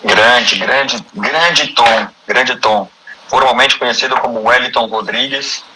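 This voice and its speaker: A man's voice: medium pitch, slow pace, bright, forceful tone, slight background noise, low-quality recording. A man with a Brazilian Portuguese accent hosting a casual live-stream interview, chatty and friendly, often restarting his sentences.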